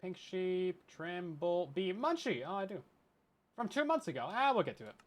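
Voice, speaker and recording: Giggly man streaming a game, lively. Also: sits high, moderate pace. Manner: giggly and playful, laughs often; chatty, talks to chat while playing. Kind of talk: casual live-stream gameplay commentary.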